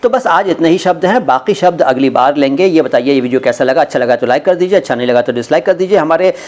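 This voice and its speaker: A middle-aged man teaching word meanings, repeating each word with careful, slow pronunciation. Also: on the high side, animated, darkish tone. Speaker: language teacher.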